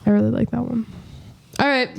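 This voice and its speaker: A woman's voice: on the high side, fairly even intonation, fairly quick, creaky, slight background noise. A woman co-hosting a podcast, laughing often as she reads song lyrics aloud in a guessing game. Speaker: podcast co-host.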